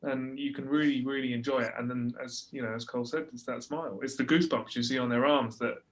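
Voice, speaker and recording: British man, fast-paced, earnest chat. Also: medium pitch, steady tone. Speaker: guest. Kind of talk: casual chat.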